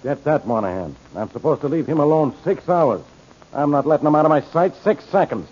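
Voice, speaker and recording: An actor playing an exasperated, curt, grumbling police inspector in a 1940s radio drama. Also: male voice, fairly high pitch, lively intonation, fairly quick, darkish tone, natural voice. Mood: exasperated, grudging. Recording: muffled, noisy old radio recording.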